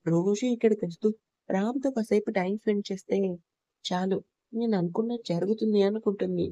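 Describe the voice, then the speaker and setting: A woman storyteller reading a romance story in a steady, even narration. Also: medium pitch, a little fast, no echo, lo-fi sound.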